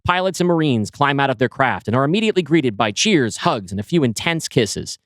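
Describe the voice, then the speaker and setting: On a podcast he co-hosts, this man walks his colleague through his own script, performing scenes in an animated, storyteller style while often using fillers. He speaks at a medium pitch and a fairly quick clip, captured in clean studio sound with no room echo.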